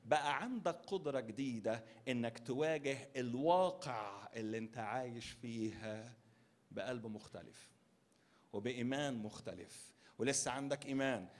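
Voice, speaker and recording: A male pastor with an Egyptian Arabic accent preaches a sermon at a church conference, speaking at normal speed with a medium-pitched voice. He repeats key phrases for emphasis and puts rhetorical questions to the congregation.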